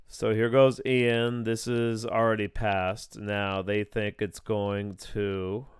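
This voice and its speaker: A man's voice: on the low side, little pitch movement, takes it slowly, clear, resonant tone, no room sound, studio quality. A man giving an informal, unscripted weather forecast as an amateur, thinking aloud in a plain-spoken, opinionated way. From Southeast Florida, US.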